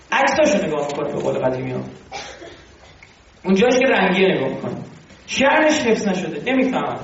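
A man giving an informal religious lecture, animated and conversational, full of rhetorical questions. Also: high voice. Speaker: religious teacher. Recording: very echoey, distant and dull.

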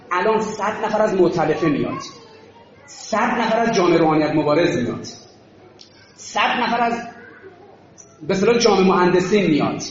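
Fiery high-voiced preacher in echoing hall. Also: male voice. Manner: builds to shouted refrains. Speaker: religious political speaker. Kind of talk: impassioned sermon with storytelling. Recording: very echoey, muffled hall recording.

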